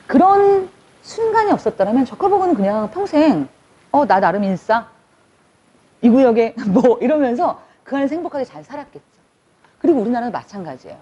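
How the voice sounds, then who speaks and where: A woman giving a lively, conversational public lecture to an audience. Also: a little high, husky. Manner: lively, conversational, acts out quotes. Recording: dull lo-fi recording.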